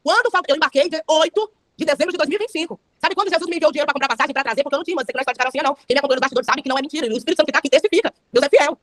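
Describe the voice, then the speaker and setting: A woman's voice: sits high, very fast, hardly any pauses, fairly bright tone, no echo. A young adult woman with a Brazilian Portuguese accent, giving a fervent testimony sermon with a repetitive preaching cadence.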